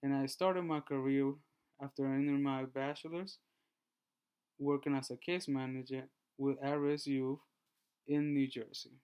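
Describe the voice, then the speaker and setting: A man in his twenties from Honduras, giving a class presentation and reading through his slides in a measured way with small restarts. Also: medium pitch, a little mellow, clear, resonant tone. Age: 20s. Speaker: student presenter.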